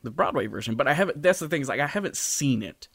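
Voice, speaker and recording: This co-host talks fast, his mid-range voice fairly bright and breathy, with lively intonation and no echo. He discusses music and theatre on a podcast in a casual, informal way, thinking aloud with some hesitation.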